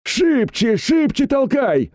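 Brief: man playing an old countryman, hoarse and folksy, pushed way up in pitch, dark and dry. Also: sing-song, slow pace, no echo, heavily acted. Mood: urgent. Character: old rustic man, gruff, urging.

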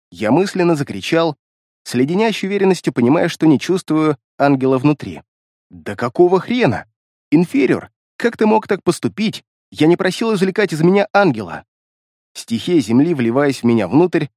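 A man reads a first-person fantasy audiobook with a fairly high, very animated voice that rises and falls with the story. The sound is dry and close, with no room around it. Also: no room sound. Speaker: audiobook narrator.

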